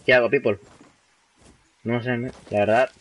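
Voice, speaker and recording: Speaking at a moderate pace in a steady, medium-pitched voice, a young man from Honduras gives casual commentary while streaming a game. He reads viewer chat aloud, talks in slang, and mixes in English phrases, with slight background noise audible.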